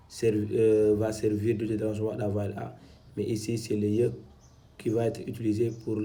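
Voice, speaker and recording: A man's voice: fairly low pitch, dark tone. A man teaching Quran reading in French, patiently sounding out syllables one at a time. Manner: spells out syllables slowly, stressing each one. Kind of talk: slow syllable-by-syllable reading lesson.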